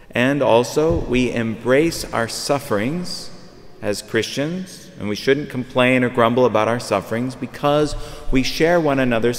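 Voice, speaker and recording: Fifties male priest preaching off the cuff, medium voice, recorded from afar in a reverberant church. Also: medium pitch. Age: 50s. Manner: conversational, repeats phrases while searching for words. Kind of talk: sermon. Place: large church, at a pulpit. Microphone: far camera.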